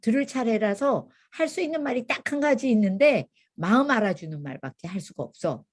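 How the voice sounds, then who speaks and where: A woman's voice: fairly high pitch, a little fast. Older woman telling parenting stories. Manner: lively storytelling, acting out quotes. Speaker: parenting class teacher. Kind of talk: church parenting lecture with anecdotes.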